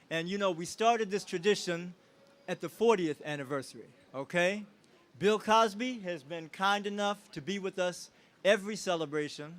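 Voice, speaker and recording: A man with a high voice speaks to a crowd outdoors, honoring a parent. He is emotional but rousing, and he works the audience with call-and-response questions. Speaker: family member giving a tribute speech. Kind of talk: public speech at an outdoor celebration. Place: outdoors at a street celebration.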